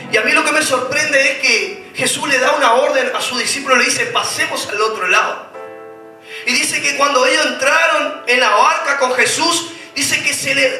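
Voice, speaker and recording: A man preaching a sermon as pastor, asking the congregation questions and rising to shouts. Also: very high-pitched. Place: church hall. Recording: very echoey church hall, mic at a distance, faint music.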